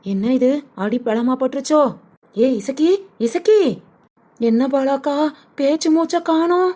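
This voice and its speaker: A woman voicing a fussy, excitable village woman in a cartoon who exclaims and complains. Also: high-pitched, measured pace. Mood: fretful. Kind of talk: cartoon voice acting.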